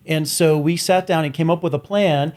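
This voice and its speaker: A man's voice: a little high, steady tone, moderate pace, a little mellow. A man in his forties, co-hosting a casual podcast chat and telling long stories about himself, often laughing at his own jokes. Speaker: podcast co-host.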